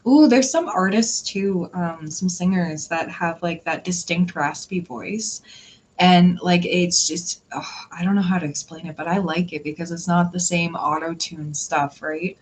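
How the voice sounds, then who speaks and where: In a rough recording with slight background noise, a woman with a lowish voice hosts a tarot livestream at an unhurried pace. She chats loosely with viewers, laughing a lot, restarting sentences and using fillers.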